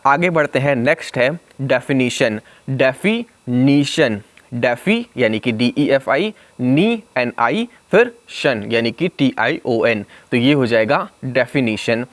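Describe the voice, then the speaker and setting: A man teaching an exam prep spelling lesson, slowly spelling out words letter by letter. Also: mid-range voice, expressive, a bit bright, no room sound.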